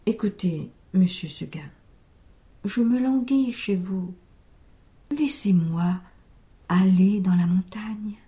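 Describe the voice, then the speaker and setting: A woman puts on a stubborn young nanny goat who longs to run free, speaking in soft, hushed, half-whispered tones. The delivery is slow and mellow. It is a storybook reading. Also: medium pitch, pitched below the performer's own voice, close to an everyday voice. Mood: longing.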